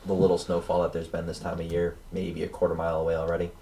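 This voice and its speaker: Deep-voiced man running a tabletop game. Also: monotone, quick pace, warm tone. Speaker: game master. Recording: distant mic with faint noise.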